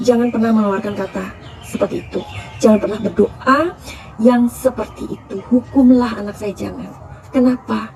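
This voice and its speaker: A woman's voice: medium pitch, moderate pace, vocal fry, a little mellow. A middle-aged woman reading tarot cards in a chatty, advising way, calling her listeners "dear". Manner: chatty, calls listeners "sayang", counsel-giving. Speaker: tarot reader.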